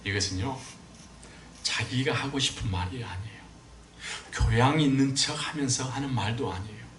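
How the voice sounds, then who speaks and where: A man preaching a sermon as a pastor, telling stories with animated swings and climbing high when he quotes people. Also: normal speed, slight background noise. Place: church sanctuary. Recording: echoey church room, mic at a distance.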